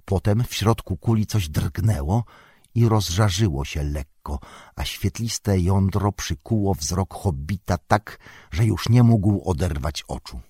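A man narrating an audiobook in a measured, even storytelling manner. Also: low voice, breathy edge, dry recording, clean studio sound.

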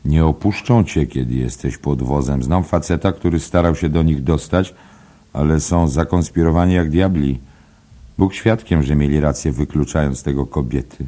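A man's voice: very deep voice, moderate pace, mellow, pitched above the performer's own voice. A man voicing a gossipy older male barfly who swears by God, in an audiobook. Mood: gossiping. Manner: knowing, confidential, emphatic oaths. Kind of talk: audiobook character voice.

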